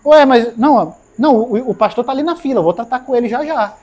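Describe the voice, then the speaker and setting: A woman voicing Jesus as a calm adult male judge, questioning a sinner in a matter-of-fact way. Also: extremely high pitch, quick pace, voice pushed up.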